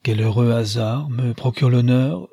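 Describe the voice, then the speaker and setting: A stout, easily flustered father who blurts out exclamations and stammers, as a man reads him. The voice is husky and mellow, heard up close in a dry room. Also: medium pitch, measured pace, dry recording. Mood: bewildered. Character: corpulent, flustered middle-aged father.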